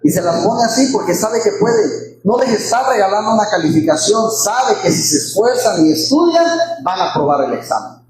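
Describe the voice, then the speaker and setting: A man's voice: high-pitched, very animated, moderate pace. A man preaching a Sunday sermon, fervent and repeating his phrases, calling his listeners brothers. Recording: very echoey hall, faint background noise.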